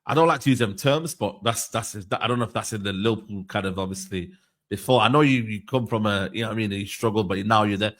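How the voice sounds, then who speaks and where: A podcast host in his thirties gets heated in a casual football debate, rambling, repeating himself and stumbling over his words. His voice is fairly low and a bit bright, and he talks quickly.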